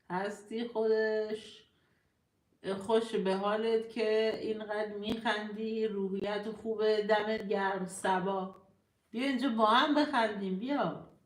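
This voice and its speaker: A woman's voice: medium pitch, fairly even intonation, roomy sound. A woman hosting a casual live stream, greeting viewers by name, reading their comments aloud and laughing often.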